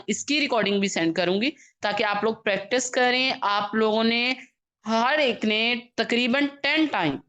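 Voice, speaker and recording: A woman with a fairly high, fairly bright voice teaches Quran recitation in an online class. She checks in often with her students and demonstrates by stretching out each letter sound slowly.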